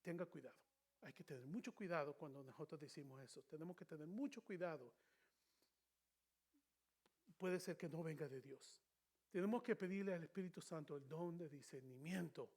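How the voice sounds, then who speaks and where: A man leading a church Bible study in a preaching style, emphatic, swinging between loud stressed words and quiet asides, and now and then dropping short English phrases into his talk. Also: a little high, moderate pace.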